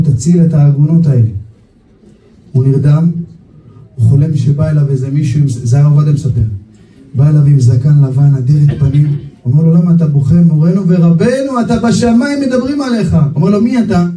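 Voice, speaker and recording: At a memorial gathering, a male rabbi delivers a storytelling sermon, lively and full of sharply pitched impressions of the voices he quotes. He sounds distant in the echoey hall, over a faint hum of background noise.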